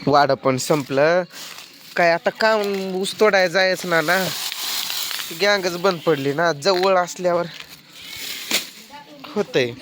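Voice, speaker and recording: Man, slow and blunt, casual phone vlog scolding his household; faint hiss in the background. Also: high voice. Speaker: rural vlogger filming his family. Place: farmyard at home with animals. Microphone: phone camera.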